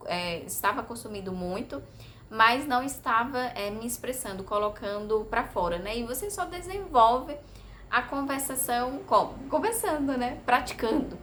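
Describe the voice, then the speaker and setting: A woman's voice: fairly high pitch, a bit bright, slight background noise. A Brazilian woman talking casually to her viewers, chatty and hesitant, often tagging on little questions and filler sounds. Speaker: vlogger sharing language-study experience. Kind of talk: casual talk to camera.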